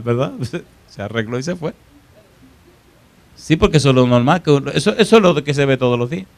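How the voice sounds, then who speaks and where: A man preaching a sermon in church, telling a story with dramatic swings between loud and hushed delivery and questions to the congregation. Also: mid-range voice.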